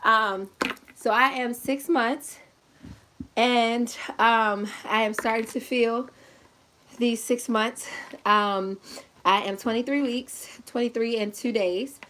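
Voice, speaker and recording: A woman's voice: on the high side, steady tone, takes it slowly, a bit bright, slight background noise. A young woman chatting casually to her viewers in a home pregnancy update vlog, tired and a little out of breath, rambling and laughing often, recorded by a camera set a short way off. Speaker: vlogger. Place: indoors at home, seated in a chair. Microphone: camera set at a distance.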